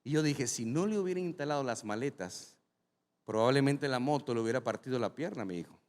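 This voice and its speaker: Male pastor, mid-pitched, animated sermon storytelling, long church-hall reverb. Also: fast talker. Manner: animated, addresses the congregation directly. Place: large church hall with a congregation.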